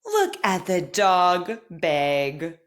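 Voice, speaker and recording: A woman leading an articulation drill as a speech teacher, over-enunciating practice sentences in a careful, deliberate, encouraging manner. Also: lowish voice, wildly swooping pitch.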